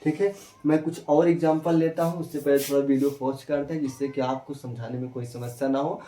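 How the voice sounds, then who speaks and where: A man teaching a spelling lesson, repeating himself and firing quick questions at his viewers. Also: medium pitch, little pitch movement, dark tone, slight background noise. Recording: echoey room, voice from a distance.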